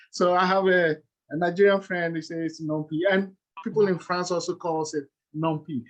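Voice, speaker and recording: A man's voice: high-pitched, level tone, moderate pace, dull audio. A middle-aged man with a Ghanaian accent gives a lecture-style presentation, explaining step by step with frequent "uh"s and "okay"s.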